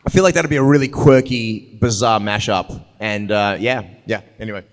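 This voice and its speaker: A man's voice: on the low side, fairly even intonation, normal speed. A man hosting a convention panel off the cuff, jokey and rambling, recorded in an echoey hall. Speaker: panel host and fellow actor. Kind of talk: unscripted convention panel moderating. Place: large indoor convention panel room. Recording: echoey hall, faint noise.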